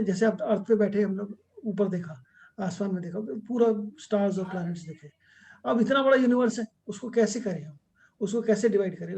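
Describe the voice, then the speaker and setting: In an online astrology lecture over a video call, a middle-aged man with a high-sitting, gravelly yet warm voice explains each step in turn, weaving English terms into his speech.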